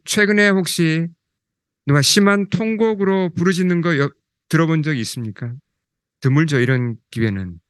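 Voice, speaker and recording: A male pastor preaching a sermon, his voice on the high side and the sound dry. He keeps asking the congregation questions. He goes slower and softer when he quotes scripture. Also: smooth, dry recording. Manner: asks the congregation questions, reads scripture aloud; slows down and drops soft when quoting scripture.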